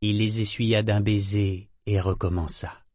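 A man reads a novel aloud at a steady, measured pace. His voice sits on the low side. The recording is dry and close, with no room sound. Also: no room sound. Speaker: audiobook narrator. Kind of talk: scripted narration.

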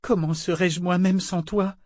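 A man's voice: sits high, steady tone, a little slow, dry recording, clean studio sound, voice pushed up. A man reading aloud, voicing a stubborn young woman sailor who sounds raw and pleading. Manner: pleading and raw, breaking into shouts.

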